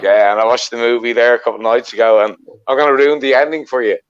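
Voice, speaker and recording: A man co-hosting a casual call-in chat, rambling with halting restarts. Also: medium pitch, steady tone, clean tone, dry recording, highs cut off. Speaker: podcast co-host.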